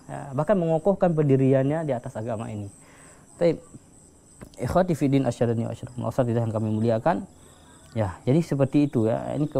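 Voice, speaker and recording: A man's voice: mid-range voice, warm tone. A man giving a casual religious lecture, telling stories with frequent chuckles and acting out quoted voices. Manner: chatty storyteller, chuckles often, acts out quoted voices. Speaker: religious teacher. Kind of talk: informal religious lecture with storytelling.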